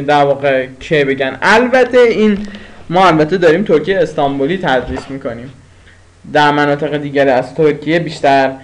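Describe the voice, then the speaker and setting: Male tutor with a slightly high voice, drilling vocabulary through repetition and chatty asides. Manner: repeats each word slowly, explains with pauses and fillers. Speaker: language teacher. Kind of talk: spoken language lesson.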